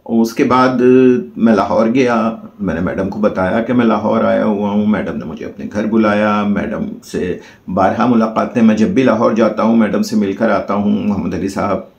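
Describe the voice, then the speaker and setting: A man's voice: lowish voice, fairly even intonation, normal speed, creaky, echoey room. A man telling a heartfelt personal story as a channel host, in earnest, formal diction.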